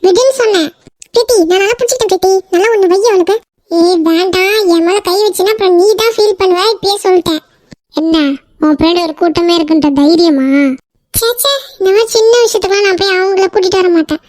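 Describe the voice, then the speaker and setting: A pair of scheming young women from a cartoon, taunting and threatening with high, piercing voices, as a woman voices them. The sound is dry, with no room around it. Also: quick pace, darkish tone, no room sound.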